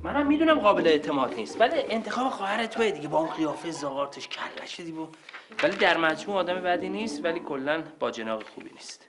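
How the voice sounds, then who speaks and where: An actor playing a clueless, teasing husband who acts innocent, in a comedy series. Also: male voice, on the high side, sing-song. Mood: grumbling.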